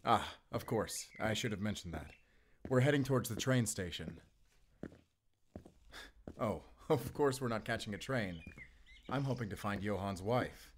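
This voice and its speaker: A voice actor plays a wry, confident, protective German wolf hunter in a cinematic audio roleplay, teasing a companion in a playful, conversational way. His voice is on the low side and expressive, a little slow, with long pauses. A little hiss or hum can be heard.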